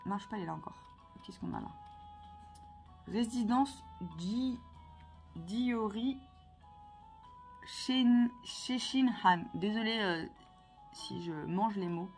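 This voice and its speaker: A woman's voice: medium pitch, darkish tone. A woman chatting casually to her viewers as she plays a video game, playful and talkative. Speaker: vlogger playing a video game. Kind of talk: casual gameplay commentary.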